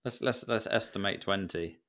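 A man's voice: low voice, normal speed, fairly bright tone. A man co-hosting a football podcast, playful and self-mocking. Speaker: podcast co-host. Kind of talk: casual football podcast chat.

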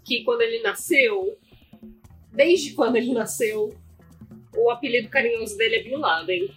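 A woman co-hosting a podcast, chatting casually with opinionated, quick-reacting banter. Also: fairly high pitch, faint music behind. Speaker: podcast co-host. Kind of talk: casual chat.

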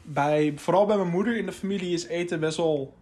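A man's voice: sits high, a little fast, darkish tone. A man from the Netherlands with a Dutch accent, telling things in a colloquial, descriptive way in a casual podcast chat. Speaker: podcast guest.

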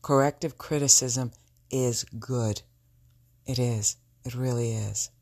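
A woman with a sultry, husky voice, speaking intimately and reflectively to her listeners as a solo podcast host. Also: rumbling low, steady tone, takes it slowly, darkish tone.

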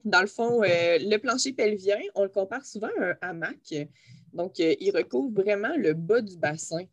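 A woman's voice: mid-range voice, moderate pace, dry recording, muffled recording. A woman with a Quebec French accent, a physiotherapist co-hosting a podcast, explaining anatomy in a chatty way and laughing easily. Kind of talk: casual explanatory podcast chat.

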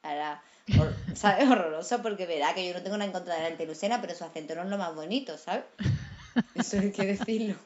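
A woman with an Andalusian accent chatting casually, a lively storyteller who laughs often and keeps saying "you know". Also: on the low side, fast. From Andalusia, Málaga. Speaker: guest actress. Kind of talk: casual chat. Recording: dull lo-fi sound.

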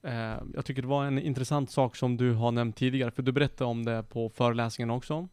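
A friendly thirty-five-year-old male host asks questions in a smooth, clear voice. He sits close to a dry microphone with no room echo. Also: mid-range voice, steady tone, a little mellow. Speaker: podcast host. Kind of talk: casual podcast interview.

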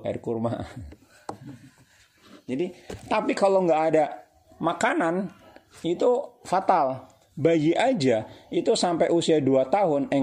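A middle-aged Islamic preacher gives a casual religious talk, speaking conversationally, repeating himself, and posing rhetorical questions. His voice is mellow and on the high side.

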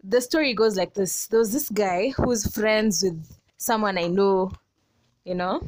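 A Kenyan woman telling a story in a casual chat, animated and quick to laugh, mixing slang into her English. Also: mid-range voice.

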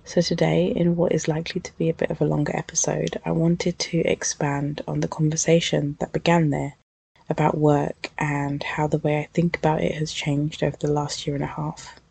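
A woman hosting a reflective podcast, talking thoughtfully and candidly in a husky, croaky voice while she has a cold. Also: sits low, flat delivery, moderate pace. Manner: thoughtful and candid, soft breathy delivery in places. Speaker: podcast host.

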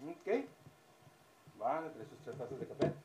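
A man hosting a podcast, telling a joke in a casual, slangy, animated way. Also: a little high, measured pace, over a noisy crowd. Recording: echoey room, far mic, loud background noise.

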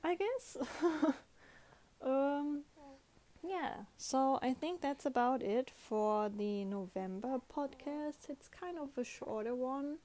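In a casual podcast monologue, a young German-accented woman speaks non-native English, chatty and prone to self-correcting restarts. Her voice is high, animated, and dark-toned, moving at a slow pace.

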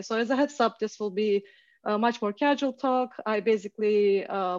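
A woman's voice: medium pitch, no room sound. Hesitant woman from Turkey, lo-fi call. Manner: hesitant, many fillers and restarts. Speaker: guest speaker. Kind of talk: casual online talk.

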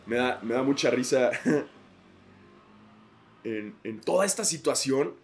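Crude, laughing Mexican podcast host. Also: male voice, mid-range voice, expressive, slow pace, a little hiss or hum. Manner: crude, laughs often, rambling. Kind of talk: casual comedic podcast monologue.

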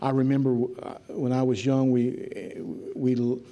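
A man preaching a sermon, swinging from loud, fervent preaching to hushed, near-whispered passages. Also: mid-range voice, monotone, a little slow, highs cut off. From rural area. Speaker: pastor.

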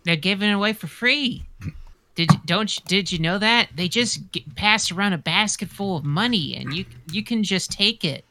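Brash man with a very bright, sharp voice. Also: high-pitched, moderate pace. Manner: brash, irreverent. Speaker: comedy podcast co-host. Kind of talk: casual, improvised comedy banter.

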